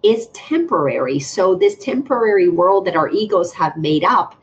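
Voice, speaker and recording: A woman's voice: on the low side, lively intonation, normal speed. A woman speaking as a guest spiritual teacher in casual conversation, earnest and emphatic, talking in long flowing runs over a video call. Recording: muffled lo-fi audio with faint noise.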